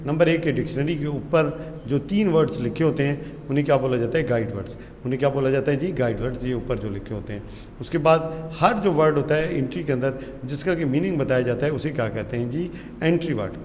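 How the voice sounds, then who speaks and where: A man with a Pakistani Urdu accent teaching an English grammar lesson, asking questions and answering them himself, and reading English sentences slowly. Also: mid-range voice, a little mellow. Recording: roomy hall reverb with faint noise.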